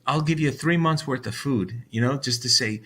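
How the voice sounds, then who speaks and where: A man's voice: mid-range voice, normal speed, a bit bright, breathy edge. An American man hosting a daily bible reading, talking in a heated, blunt way with swearing and many restarts. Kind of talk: ranting casual monologue.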